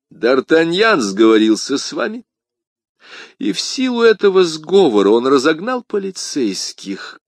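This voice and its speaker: A man's voice: mid-range voice, no room sound, studio quality. A man voicing a stern middle-aged police commissioner who interrogates in a severe, accusing tone.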